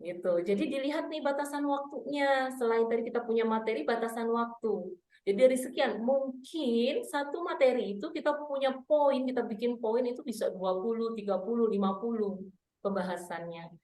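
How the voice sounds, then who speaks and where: Woman coach teaching public speaking, bit high voice, roomy echoey sound. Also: moderate pace, warm tone. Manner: demonstrative, drills vowels aloud. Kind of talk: online workshop teaching.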